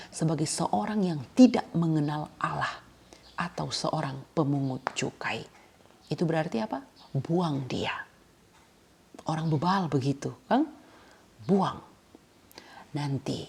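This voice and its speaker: Gravelly-voiced woman pastor with Manado accent. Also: sits low, slight background noise. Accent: Manado Malay. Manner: preaching with sudden loud rises and hushed whispers. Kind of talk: sermon.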